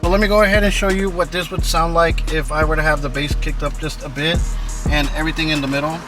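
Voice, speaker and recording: Loud car stereo music fills the background as a car audio vlogger, seated in his truck, walks through tuning its speakers in a relaxed, talkative way. He speaks quickly, his voice a little high and fairly even in intonation.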